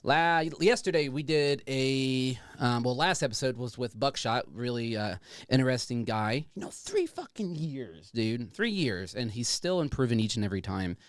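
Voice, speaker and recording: Animated, rambling male podcast host. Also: mid-range voice, moderate pace, clear, resonant tone, no room sound, clean studio sound. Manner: rambling, playful, profane. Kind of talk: casual chat.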